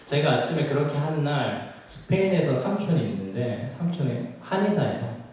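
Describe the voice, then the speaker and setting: A male pastor telling a personal story in a sermon, acting out his own past prayers with lively storytelling. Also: on the high side, moderate pace, a little hiss or hum. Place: church sanctuary. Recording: echoey church hall from far off.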